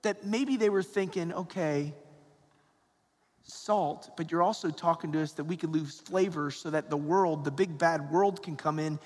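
Priest in a cathedral echo, high-voiced. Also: male voice. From Georgia, US. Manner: slow, measured reading, then chatty homily with "right?" asides. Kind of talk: gospel reading and homily. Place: large church. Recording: long church reverb, cathedral echo.

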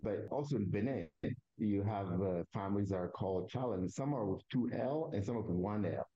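A man's voice: lowish voice, a little fast, breathy edge, dull audio. A man from Togo with a Togolese accent, a native Kabiye speaker, telling his story conversationally as an interview guest and often restarting his phrases.

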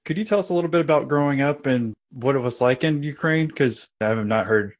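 A man interviewing a guest, asking curious, quick questions. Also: medium pitch.

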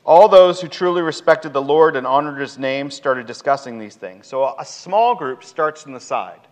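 A male pastor delivers a sermon with a slightly high voice. He talks in an animated way and swings between loud passages and quiet ones. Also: normal speed.

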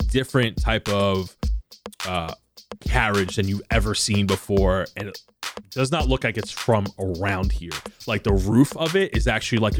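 A man as game master, narrating a tabletop game in a relaxed, descriptive way with casual fillers. Background music plays under his scene-setting. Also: fairly low pitch.

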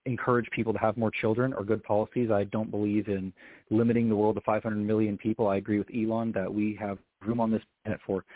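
A man's voice: fairly low pitch, little pitch movement, no echo. A man being interviewed as a political consultant, talking earnestly and often correcting himself mid-sentence. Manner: fast, earnest, self-correcting. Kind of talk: interview answer. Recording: dry, tinny phone-line sound.

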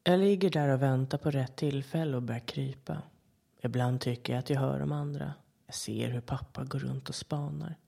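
A podcast storyteller reading a first-person horror story in a calm, measured way. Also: medium pitch, vocal fry, slightly rough. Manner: calm, measured storytelling with short quoted voices. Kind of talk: scripted horror narration.

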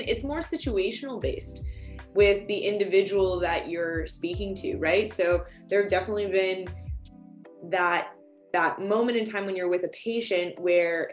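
A woman dentist as a panel guest, earnest, speaking in quick bursts. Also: medium pitch. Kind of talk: casual panel chat.

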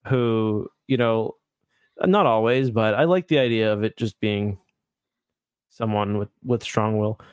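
A man's voice: lowish voice, unhurried, a little mellow, smooth, no echo, clean studio sound. A man co-hosting a podcast, explaining at length in a rambling casual chat over a remote call. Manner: rambling, self-correcting explanations. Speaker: podcast co-host.

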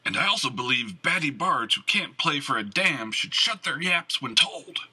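A man voicing a gruff, loyal older squire with blunt country speech, in an audiobook. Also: mid-range voice, very animated, moderate pace, sharp tone, exaggerated voice, poor audio. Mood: yelling. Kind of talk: audiobook character reading.

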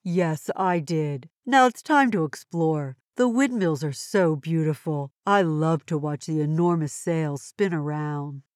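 A woman voicing a calm, sensible girl who explains things in a measured, articulate way for a children's educational audio story. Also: low voice, no echo, clean studio sound.

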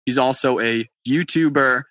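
A New England podcast host with a medium-pitched, fairly bright voice conducts a casual live-stream interview at a moderate pace. His manner is friendly, upbeat, and loose, and there's no echo.

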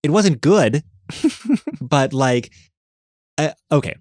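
A man's voice: a little high, animated, slow, darkish tone, dry recording, clean studio sound. A man co-hosting a podcast, riffing sarcastically and sounding exasperated in a casual chat. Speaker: podcast co-host.

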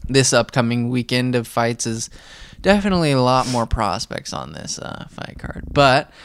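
A man's voice: medium pitch, animated, moderate pace, gravelly, clear, resonant tone, dry recording, studio quality. A young man hosting a podcast in casual chat, rambling and laughing often. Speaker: podcast host.

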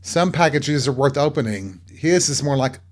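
A man's voice: mid-range voice, animated, moderate pace. A man hosting his own podcast, delivering a chatty, campy comedic monologue with self-mocking asides. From American South. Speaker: podcast host.

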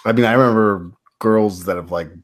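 A man's voice: on the low side, a little fast. A man chatting casually among friends, rambling and hesitant with lots of fillers. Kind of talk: casual chat.

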